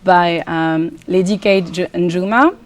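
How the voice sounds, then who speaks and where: A young adult woman from the Democratic Republic of Congo, with a French accent and a fairly low voice, answers questions in a casual interview. She's a pageant contestant appearing as a student guest, and she speaks earnestly but haltingly, often starting her sentences over.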